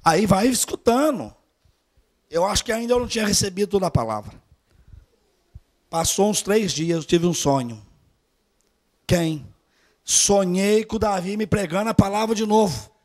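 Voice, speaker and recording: A man with a Brazilian accent preaches at a church service, telling a story from his own life. His voice sits high for a man and stays lively, sinking to near-whispers before rising into loud exhortation. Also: moderate pace, pauses often. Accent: Brazilian Portuguese. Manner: animated, swings from hushed asides to loud urging. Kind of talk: storytelling sermon.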